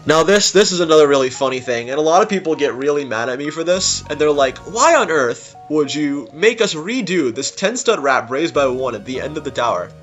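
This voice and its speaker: A man with a voice on the high side chats animatedly and briskly, with few pauses, giving rambling, unscripted commentary on a game level he created. Game music runs behind him, and the audio is dull.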